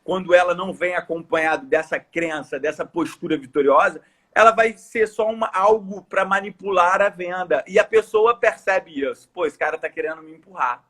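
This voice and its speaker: Brazilian male coach, high husky voice, earnest emphatic podcast chat. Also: normal speed, fairly bright tone. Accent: Brazilian Portuguese. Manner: earnest, emphatic, repeats phrases for stress. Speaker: coach and course speaker. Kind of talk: casual podcast conversation.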